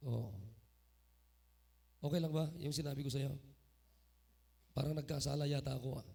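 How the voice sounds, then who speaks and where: A man pastor preaching a sermon in church, lively and mixing in English phrases, calling on members of the congregation by name. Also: mid-range voice, normal speed, vocal fry. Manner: mixes English phrases into his talk.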